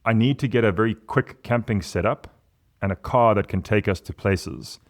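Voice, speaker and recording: Animated man in his forties. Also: normal speed. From South Africa. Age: 40s. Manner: animated and emphatic, big pitch swings. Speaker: podcast guest. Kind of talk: casual podcast conversation.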